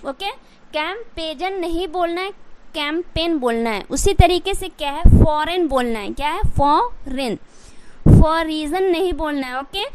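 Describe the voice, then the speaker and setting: Female tutor, high pitch, drilling style, light noise. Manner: repetitive, drilling, asks and answers own questions. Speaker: English teacher. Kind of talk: Hindi English pronunciation lesson.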